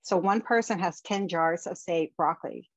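Her fairly low voice moves at a normal speed as she presents slides on a video call, giving practical tips in a conversational style peppered with ums. The webcam audio is dull and dry, with no room sound.

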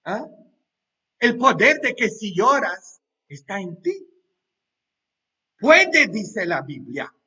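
A male pastor preaching a Sunday homily in a lively, joking, conversational way, full of asides and quick questions to his congregation. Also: high voice, husky, lo-fi sound. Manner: half-sings song lines loudly. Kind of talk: sermon.

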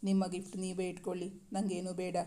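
A woman's voice: fairly low pitch, monotone, normal speed, mellow, lightly acted. Woman reading a sulky young wife. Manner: pouting, curt.

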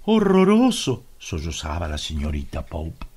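A man with a Latin American Spanish accent narrating an audiobook in a dramatic, expressive reading. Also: low voice, measured pace, husky. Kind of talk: scripted narration.

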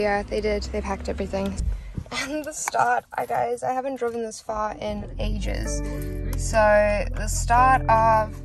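A young woman in her twenties talking casually to her viewers in an excitable, chatty travel vlog, full of "like" and "guys". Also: on the high side, poor audio. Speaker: vlogger.

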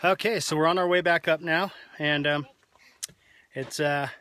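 Out on a canyon trail, a man in his thirties hosts his family vlog in a jokey, informal way, filming himself on a handheld camera at arm's length. His voice is fairly high, steady, pushed and bright, and he speaks without hurrying.

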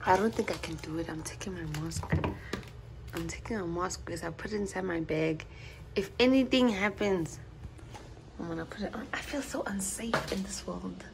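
A young South African student vlogger speaks at a moderate pace in a fairly low, creaky voice, chatting casually to her phone camera at arm's length from a small dorm room. Her talk rambles into whispered asides, and the recording quality is low.

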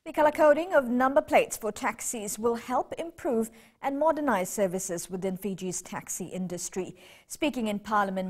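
A woman's voice: mid-range voice, a little mellow. A young woman anchoring a scripted television news bulletin in a studio. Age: young adult.

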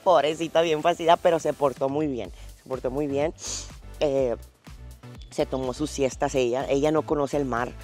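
A woman's voice: a bass voice, fairly even intonation, normal speed, darkish tone, faint music behind. A woman, chatting and laughing as she tells a travel story while walking outdoors, on a lapel mic. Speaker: fitness vlogger. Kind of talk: casual travel vlog storytelling. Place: outdoors at a tropical resort.

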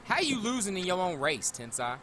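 A man's voice: high-pitched, very animated, brisk, very noisy. A man on a livestream headset mic, grumbling and trash-talking in casual gaming banter. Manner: grumbling, teasing trash talk. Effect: livestream headset mic audio. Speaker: gamer streaming with friends.

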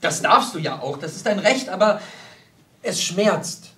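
A man's voice: sits high, lively intonation, unhurried, fairly bright tone, far from the mic. A man reading an audiobook, voicing an earnest, proud young painter who likes to lecture. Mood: hurt. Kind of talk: audiobook character voice.

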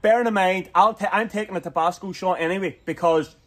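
A man, bantering casually and coaching in an excitable, encouraging way, recorded outdoors away from the camera. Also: sits high, fast talker. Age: 20s. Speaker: challenge vlogger. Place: outdoors in a small back garden. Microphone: camera a few metres away.

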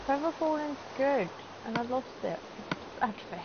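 A woman talks her way through a live game stream, cursing at the game between chatty asides. Her voice has a gravelly fry. The stream audio is dull and lo-fi, with a constant hiss of noise. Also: sits high, expressive, moderate pace. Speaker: gaming streamer. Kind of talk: live gameplay commentary.

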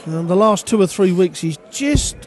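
Male darts pundit, high voice, chatty expert analysis. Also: lively intonation, moderate pace. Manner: chatty, opinionated co-commentator. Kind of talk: live sports commentary.

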